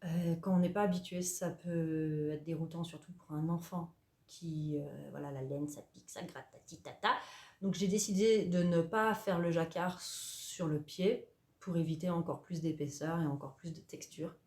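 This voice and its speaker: Young woman, casual craft vlogger, lowish voice, animated and self-mocking, recorded in a roomy, echoey home. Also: moderate pace. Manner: chatty, animated, self-mocking with filler hesitations. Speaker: knitting and sewing podcaster. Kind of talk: casual chatty craft vlog. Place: at home, indoors.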